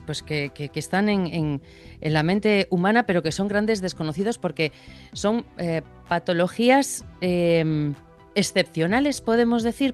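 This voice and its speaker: Host, middle pitch, welcoming and formal, light music underneath. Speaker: podcast host. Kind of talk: scripted introduction and casual interview.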